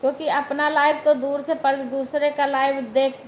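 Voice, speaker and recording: A woman's voice: high voice, little pitch movement, moderate pace, a little hiss or hum, rough recording. A young woman with an Awadhi accent hosting a phone live stream, chatting casually and speaking straight to her viewers by name.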